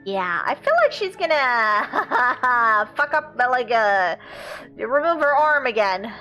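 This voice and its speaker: A woman livestreams a game with casual, expressive commentary. Her voice is high and bright, her pace unhurried and her language salty, with music underneath. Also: highs cut off. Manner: expressive, swears freely.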